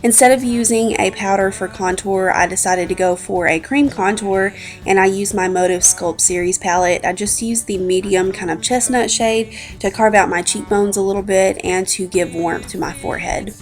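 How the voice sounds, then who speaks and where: A beauty vlogger in her 20s narrates her makeup routine in a casual tutorial, her congested voice slightly scratchy. It's mid-range with fairly even intonation at normal speed, and background music plays.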